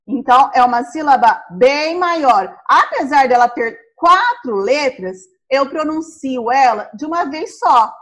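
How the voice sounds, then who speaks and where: Slow, sing-song Brazilian woman teacher. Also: sits high, lively intonation, fairly bright tone. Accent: Brazilian Portuguese. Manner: slow, syllable-by-syllable explaining. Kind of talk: primary school lesson.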